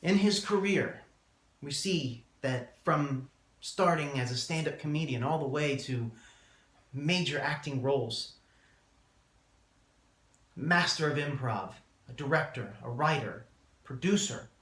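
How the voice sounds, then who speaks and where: A man delivering a prepared eulogy as a speech, solemn and measured, with deliberate pauses. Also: a little high, a bit bright. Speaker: student speaker giving a eulogy. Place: indoor room, public speaking class. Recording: roomy, echoing room sound.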